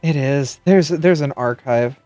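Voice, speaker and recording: A man's voice: mid-range voice, unhurried, warm tone, no room sound, faint music behind. A man chatting casually while streaming a game, swearing freely and restarting his sentences. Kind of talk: casual gameplay chat.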